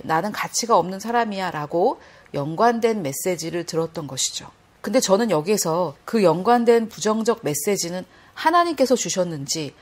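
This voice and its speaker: A woman's voice: mid-range voice, darkish tone. A woman giving sermon-style Bible teaching, earnest and explanatory, speaking straight to her listeners and acting out quoted dialogue.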